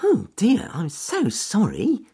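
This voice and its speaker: A man voicing Ernest Fluffy Rabbit, a trusting, kindly young rabbit in a storybook, with an eager, gentle manner. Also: high-pitched, huge pitch swings, slow pace, breathy edge, pitched above the performer's own voice, full character voice. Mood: friendly.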